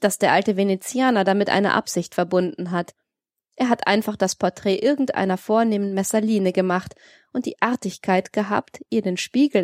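A woman's voice: medium pitch, no echo, clean studio sound, lightly acted. A woman reading the part of a domineering, worldly man who lectures with ironic liveliness in an audiobook. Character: domineering worldly man, mocking, tyrannical toward women.

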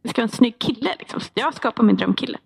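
A woman's voice: on the high side, expressive, vocal fry, slightly rough. A young woman in casual podcast chat about games, playful, blunt and joking. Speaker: podcast co-host.

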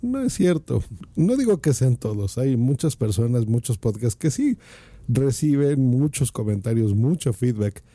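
Chatty Mexican man with a gravelly voice. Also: medium pitch, sing-song, unhurried, dark tone, no room sound. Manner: chatty, asks the listener rhetorical questions. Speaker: podcast host. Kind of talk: casual podcasting advice. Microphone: phone.

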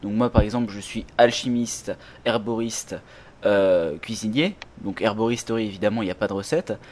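A man's voice: fairly low pitch, normal speed, a little mellow. A man hosting a casual gaming podcast, chatty, with many fillers and self-corrections. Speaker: podcast host.

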